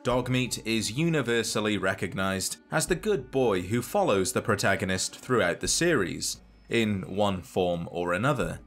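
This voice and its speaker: A man narrating a scripted game video essay in a measured, dry and wry way. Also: lowish voice, animated, a bit bright, soft background music.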